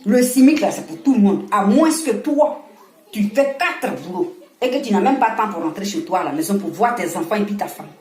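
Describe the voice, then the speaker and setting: A woman with an Ivorian French accent, talking casually and scolding with animated laughs. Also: medium pitch, fairly quick, reverberant. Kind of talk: casual monologue to camera.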